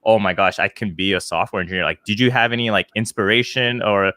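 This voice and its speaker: A man's voice: fairly low pitch, fairly even intonation, fast, pushed and bright, smooth, dry recording. A man hosting a casual interview, asking curious questions with lots of "like" fillers. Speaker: podcast host.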